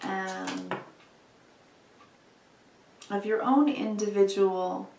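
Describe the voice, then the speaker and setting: A woman with a medium-pitched voice reads tarot in a mystical horoscope style. She guides the listener soothingly and without hurry. The recording is roomy and distant from the microphone. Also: fairly even intonation, extremely slow, gravelly, a little mellow. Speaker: tarot reader and channel host. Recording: roomy, distant mic with background noise.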